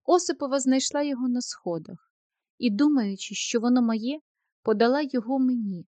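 A woman's voice: a little high, a little fast, warm tone, no echo, lightly acted. A woman reading the part of a proud young post office clerk who answers coldly and reproachfully. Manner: cold, reproachful, turning tearful. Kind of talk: audiobook character reading.

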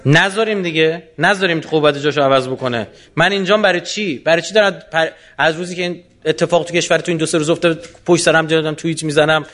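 Man, high-pitched, speaker in a Q&A talk, rhetorical, animated, colloquial. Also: hardly any pauses. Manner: animated, rhetorical, full of questions to the listener. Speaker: speaker answering audience questions. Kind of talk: colloquial Q&A lecture.

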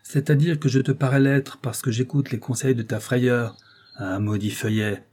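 A man's voice: mid-range voice, steady tone, normal speed, a little mellow, husky, close to an everyday voice. A man voicing a proud, stern male count who speaks in a curt, hard tone. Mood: bitter.

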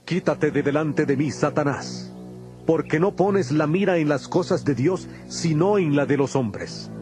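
Actor as solemn Jesus over prominent music. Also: male voice, on the high side, unhurried, natural voice. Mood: rebuking. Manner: solemn, emphatic, declamatory. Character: Jesus, authoritative adult male teacher rebuking and instructing. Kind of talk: dramatized audio Bible acting.

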